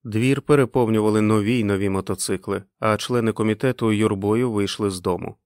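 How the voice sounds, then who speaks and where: Low-voiced male audiobook narrator. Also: a little fast, clean tone, dry recording, studio quality. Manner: expressive storytelling.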